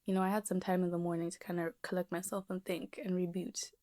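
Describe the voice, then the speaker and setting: A woman's voice: on the low side, little pitch movement, fast, darkish tone, no echo, clean studio sound. A twenty-year-old woman hosting a solo podcast, talking through her thoughts in a rambling, reflective way with lots of fillers. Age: 20s. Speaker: podcast host. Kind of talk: casual solo podcast monologue.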